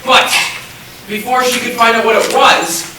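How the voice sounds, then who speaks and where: A narrator telling a play in a dramatic storytelling manner, quick to indignation. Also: mid-range voice, flat delivery, close to an everyday voice. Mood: narrating. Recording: very echoey room from far off with noise.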